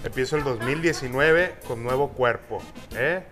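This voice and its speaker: A man's voice: mid-range voice, normal speed. A young man co-hosting a TV music show, joking and self-mocking in banter. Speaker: TV show co-host. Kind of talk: comic studio banter. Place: TV studio set. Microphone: lapel mic.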